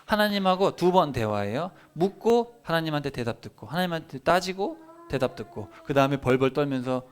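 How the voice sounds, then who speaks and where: A man preaching a Bible sermon for children and families, explaining the text and acting out quoted prayers with lively shifts in voice. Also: a little high, fairly quick. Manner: animated, acts out quoted prayers and God's replies. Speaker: pastor. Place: church service.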